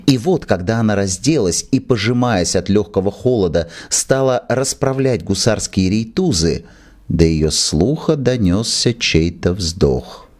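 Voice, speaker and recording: A man reading a classic short story aloud as narrator, slowly and expressively. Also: lowish voice, animated, darkish tone.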